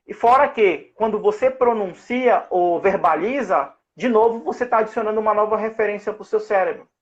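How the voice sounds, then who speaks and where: A man's voice: sits high, brisk. Brazilian man explaining, lo-fi live audio. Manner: didactic, with many fillers and restarts. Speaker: host and safety-at-work English teacher. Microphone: online live call.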